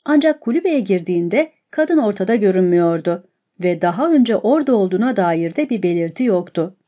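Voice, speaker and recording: A woman narrating a novel aloud as an audiobook in a calm, measured reading. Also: medium pitch.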